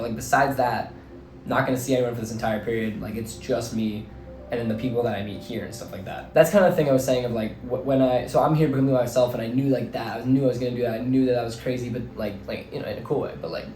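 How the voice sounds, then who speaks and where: A slightly hoarse young man in his twenties from New Jersey, a vlogger and teacher, thinks aloud in a casual, reflective monologue. He rambles earnestly and leans heavily on fillers, his medium-pitched voice carrying a darkish tone. The room echoes, and faint music sits in the background.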